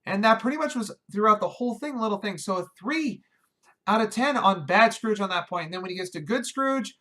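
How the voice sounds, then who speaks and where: Bright high-voiced man reviewing a film. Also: animated, brisk. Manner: wry, exasperated, talks over himself with restarts. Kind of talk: casual video review.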